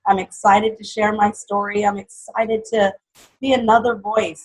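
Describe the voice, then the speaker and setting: A young woman from Haiti, a guest telling her life story in an interview in an earnest, halting way. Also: medium pitch, slightly rough, poor audio.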